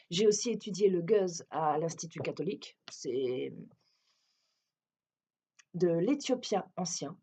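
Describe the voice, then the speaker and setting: A French woman from France who teaches French introduces herself hesitantly and explanatorily, often restarting sentences in her French accent. Her voice is on the low side, mellow and husky.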